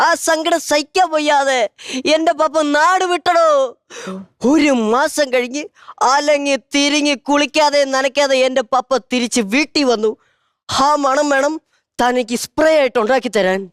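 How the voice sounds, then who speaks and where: A woman's voice: high voice, fairly even intonation, normal speed, dry recording, studio quality. A woman in a comic sketch, playing a melodramatic customer who mixes in English words. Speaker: comedy sketch performer.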